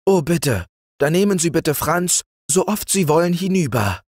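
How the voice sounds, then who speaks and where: A man reading aloud voices an anxious, gentle widowed mother. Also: fairly high pitch, lively intonation, normal speed, slightly rough, dry recording, studio quality, voice pushed up. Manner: anxious, pleading.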